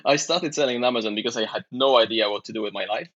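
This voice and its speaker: A man in his thirties from Poland with a Polish accent, a guest speaking halting, casual English and laughing often. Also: medium pitch, fairly bright tone, slightly rough, no room sound, dull audio. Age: 30s. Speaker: guest, online seller. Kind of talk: casual interview chat.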